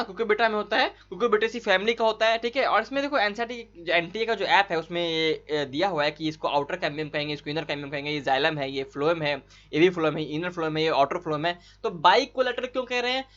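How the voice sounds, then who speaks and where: Fast, chatty male biology tutor. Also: sits high, fairly bright tone, lo-fi sound. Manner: rushed, chatty, coaxing students with repeated tag questions. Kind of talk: fast online exam-solution lesson.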